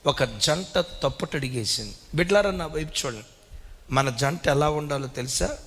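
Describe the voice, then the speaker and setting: A man preaching a sermon as pastor, swinging his pitch widely and calling for amens. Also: animated, moderate pace, a bit bright, a little hiss or hum. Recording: reverberant hall.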